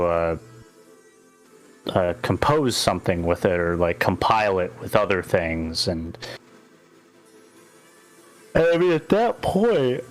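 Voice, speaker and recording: Halting low-voiced man, sleepy. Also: a bit bright. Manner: halting, many restarts and fillers. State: sleepy late at night. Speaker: podcast co-host. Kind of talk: casual chat.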